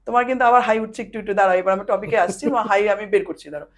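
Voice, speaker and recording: A woman practitioner in a podcast conversation, with a voice hoarse from long talking, who explains animatedly and then drops to a slow, soft voice to show how people speak in trance. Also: mid-range voice. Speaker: past life regression practitioner. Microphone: podcast studio mic.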